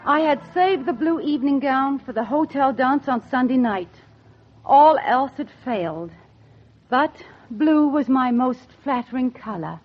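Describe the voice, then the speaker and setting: A high-pitched, expressive actress speaks a little slowly as a wry, lovelorn single woman on holiday, narrating her hopes in a 1940s radio drama. Her manner is dry, genteel and wistful, and the recording is muffled with music.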